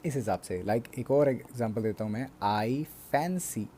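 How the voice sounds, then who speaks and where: Slow, mellow Indian English teacher. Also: male voice, medium pitch, animated, a little hiss or hum. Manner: explains slowly, keeps checking in with the class. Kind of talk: bilingual grammar lecture.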